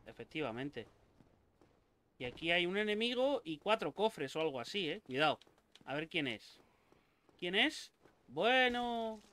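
A young man with a Spain Spanish accent giving let's play commentary, excitable and swearing a lot as he talks to the game characters. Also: on the high side, moderate pace, long pauses. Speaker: gaming YouTuber.

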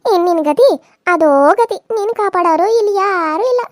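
Woman doing a cartoon village wife, vengeful and taunting, very high-pitched, dry close sound. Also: moderate pace, dry recording. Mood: menacing. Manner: taunting, threatening. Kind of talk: cartoon serial dubbing.

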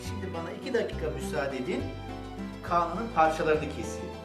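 Fairly high in pitch and brisk, this older man's voice has lively intonation. As the grandfather host of a children's toy-making show, he takes kids through crafts step by step, calling them sweet names and asking simple questions, while music plays in an echoey room.

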